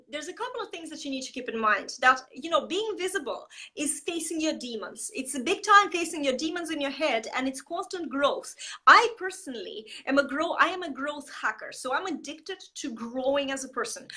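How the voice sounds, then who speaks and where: Woman from Estonia, high bright voice, energetic and emphatic interview guest. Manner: energetic, emphatic, many fillers. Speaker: guest, marketing coach. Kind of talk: casual interview talk.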